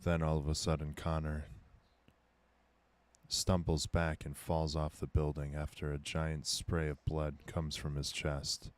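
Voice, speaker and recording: A man's voice: very deep voice, monotone, a little slow, smooth. A man running a tabletop game as game master, narrating a violent scene in grim, dramatic tones. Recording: faint background music.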